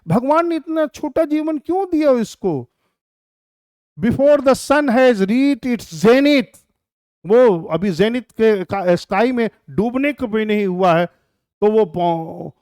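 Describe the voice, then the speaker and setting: A man's voice: very high-pitched, dark tone, no echo, studio quality. A middle-aged male teacher with an Indian English accent, explaining a poem to students and patiently sounding out English words. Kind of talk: classroom poetry lesson.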